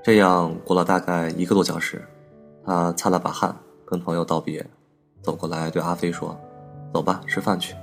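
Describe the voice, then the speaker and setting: A man narrating a personal story as a podcast host, in a calm, measured and wistful manner. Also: low voice, gravelly, faint music behind.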